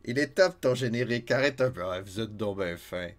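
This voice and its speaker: A man's voice: on the low side, lively intonation, a little fast. Chatty Québécois man streaming a game. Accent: Québécois French. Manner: chatty, self-mocking, laughs often. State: slightly stuffy from a cold. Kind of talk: casual game commentary.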